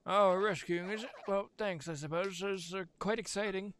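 Man putting on a raised-pitch, mild old bug elder. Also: steady tone, moderate pace, fairly bright tone, slight background noise. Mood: mildly grateful. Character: calm, polite, unhurried elderly bug elder. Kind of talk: amateur voice-over of video game dialogue.

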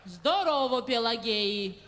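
A man's voice: extremely high pitch, lively intonation, slow pace, slight background noise, full character voice. A man playing a mighty, lovelorn village woman in a stage comedy with parody singing. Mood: plaintive. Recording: echoey stage, loud music.

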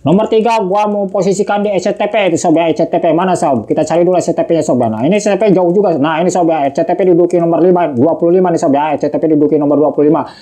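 A man walks viewers through a remote-control setup in a casual how-to, chatty and repetitive, saying himself that he talks too fast. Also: a little high, warm tone. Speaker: tech tutorial host.

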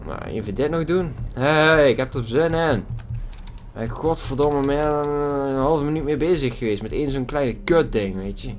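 At a computer desk with a loud keyboard, a male gaming YouTuber talks casually over his gameplay into a desk microphone, swearing heavily and hamming up his frustration. His voice is medium-pitched at a moderate pace, with slight background noise.

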